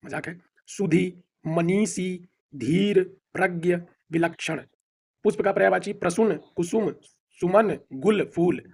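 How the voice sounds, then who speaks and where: A man with an Indian accent teaching exam vocabulary, reciting lists of words quickly with short explanations and English phrases mixed in. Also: high-pitched, breathy edge. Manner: rapid list recitation with brief explanations; mixes English phrases into Hindi. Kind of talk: exam-prep vocabulary drill.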